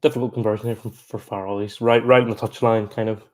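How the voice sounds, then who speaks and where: A man giving chatty, excitable live reaction commentary on a rugby match, breaking into exclamations. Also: fairly low pitch, fast talker. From Ireland. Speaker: sports reaction streamer.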